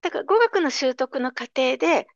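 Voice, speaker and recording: A middle-aged woman who teaches language, patiently explaining pronunciation in a relaxed conversation. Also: sits high, normal speed, no room sound. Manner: patient, explanatory, lively intonation. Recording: dry, dull lo-fi sound.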